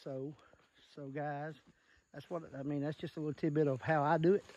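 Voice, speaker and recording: A man's voice: on the high side, flat delivery, a little fast, darkish tone, dull audio. A man with an Arkansas Southern accent talks casually and plainly, folksy in manner, pointing things out as he explains deer scouting in the woods. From Arkansas, United States. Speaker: deer hunter giving scouting tips. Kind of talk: casual outdoor vlog, explaining while scouting. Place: outdoors in the woods. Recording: outdoor field recording with faint natural noise.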